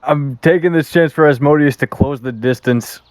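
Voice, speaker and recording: A man's voice: on the high side, moderate pace, a little mellow, no room sound. A man playing in a tabletop game, easygoing as he declares his character's moves. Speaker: player. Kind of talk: casual tabletop game chat.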